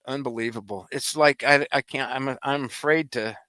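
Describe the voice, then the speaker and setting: A man's voice: medium pitch, normal speed, bright, forceful tone, clean tone, no room sound. A man co-hosting a live-stream chat, talking in a folksy, rambling, self-deprecating way. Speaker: co-host.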